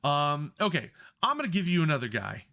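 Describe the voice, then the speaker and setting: A man's voice: on the high side, very animated, a little fast, pushed and bright. A man co-hosting a sports podcast, telling heated, profane stories in casual chat. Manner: profane, worked-up storytelling. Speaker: podcast co-host.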